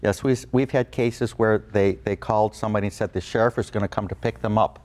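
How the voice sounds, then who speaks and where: Guy lawyer being interviewed, slightly low voice, plain talk, repeats stuff to make the point. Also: fairly even intonation, fast talker, darkish tone. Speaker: attorney guest. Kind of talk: informal interview explanation.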